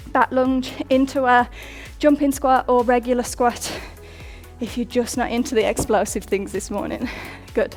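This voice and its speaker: With faint music beneath her, a young woman instructs a workout, counting down each set and walking through reps in a bright coaching manner. Her slightly high voice stays fairly even at a moderate pace, though she gets breathless now and then.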